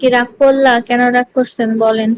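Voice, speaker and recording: High-voiced, playful woman live-streaming. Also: flat delivery, moderate pace, a little hiss or hum, rough recording. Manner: playful and teasing, coaxing viewers; giggly, laughs often between lines. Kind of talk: casual live-stream chat with viewers. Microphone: phone.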